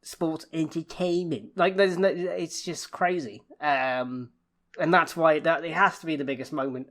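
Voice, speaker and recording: A man's voice: fairly high pitch, a little slow, a bit bright. Rambling, blunt man on a podcast. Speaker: podcast co-host. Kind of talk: casual podcast chat.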